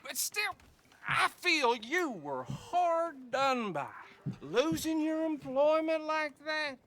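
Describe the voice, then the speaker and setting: Slow-drawling Southern sheriff. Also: male voice, very high-pitched, very animated, sharp tone, heavily acted. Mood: genial. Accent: American South. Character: folksy drawling Southern town sheriff, genial and shady. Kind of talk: video game acting.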